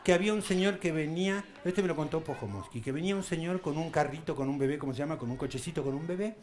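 A man's voice: fairly high pitch, fast talker. A man telling jokes to an audience in a playful, comic storytelling way. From Argentina. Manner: playful joke-telling with sound effects. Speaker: children's entertainer and singer. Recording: echoey stage with loud music.

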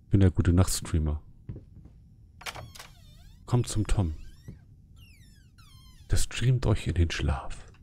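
A man's voice: low-pitched, animated, slow pace, pauses often, warm tone, a little hiss or hum. A man casually commenting on a horror game during a live stream, joking and chatting with his viewers.

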